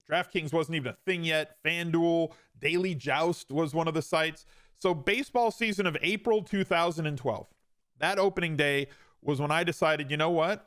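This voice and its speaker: His voice is a little high with a fairly bright tone as the forties-aged podcast host shares his own story. He keeps it casual and conversational, repeating points emphatically and teasing himself a little. It's a dry, studio-quality recording.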